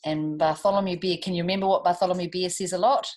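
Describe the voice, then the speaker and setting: A woman with a lowish, darkish voice speaks fast in a steady tone while hosting a children's storytime. She reads aloud animatedly and chats with young listeners through questions and asides.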